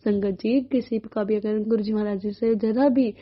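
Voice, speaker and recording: A woman's voice: mid-range voice, fairly even intonation, moderate pace. A young woman earnestly sharing a devotional experience as a personal testimony, emotional and heartfelt, slipping English words into her speech. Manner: earnest, emotional storytelling with Hindi-English mixing. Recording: dull lo-fi audio.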